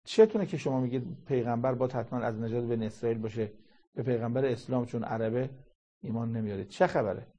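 A man's voice: medium pitch, warm tone. A man giving a Quran commentary sermon, reciting Arabic verses and firing rhetorical questions at his listeners.

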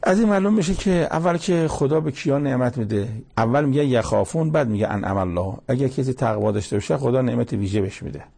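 A man preaching a sermon, reciting verses slowly and explaining them in everyday speech with anecdotes. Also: medium pitch, mellow. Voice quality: gravelly, husky voice. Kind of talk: Quranic commentary sermon.

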